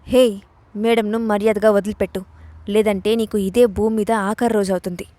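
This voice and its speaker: A flustered young male bodyguard, hurried and apologetic, as a woman storyteller voices him. The voice is pitched a touch lower than her own, in a dry, close sound. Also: flat delivery, dark tone, no echo, natural voice. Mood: warning.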